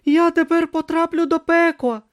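A man's voice: steady tone, moderate pace, no echo, clean studio sound. A man voicing a timid, naive young male novice monk, anxious and flustered in an audiobook. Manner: anxious, flustered, high and breathless. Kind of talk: audiobook character voice.

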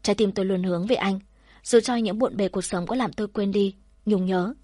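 A woman narrating a first-person story in a soft, measured, heartfelt way. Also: mid-range voice, no echo, studio quality.

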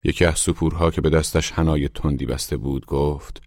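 A man reading a literary short story aloud in a measured, even way. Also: rumbling low, dry recording, clean studio sound. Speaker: audiobook narrator. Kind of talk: scripted literary narration.

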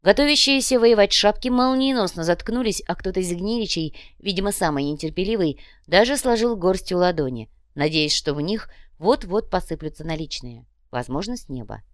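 A woman narrating an audiobook in an even, measured storytelling manner. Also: on the low side, no echo, studio quality. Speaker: audiobook reader. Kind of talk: scripted narration.

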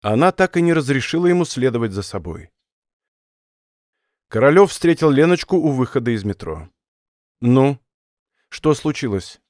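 A man narrating an audiobook in an expressive storytelling way. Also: mid-range voice, a little fast, pauses often, dry recording, studio quality. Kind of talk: scripted narration. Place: dry studio.

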